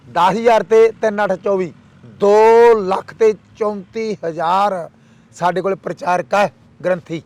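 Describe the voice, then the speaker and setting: In this clip a man with a high-pitched voice and no echo gives a passionate interview. He fires off rhetorical questions and repeats his demands in quick lists, sounding fiery throughout.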